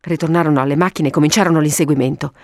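A woman narrating a detective story in an animated reading style. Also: low voice, rapid-fire, no room sound.

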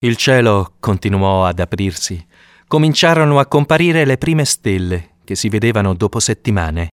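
A man narrating an audiobook in an expressive storytelling manner. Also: lowish voice, normal speed, smooth, dry recording, studio quality.

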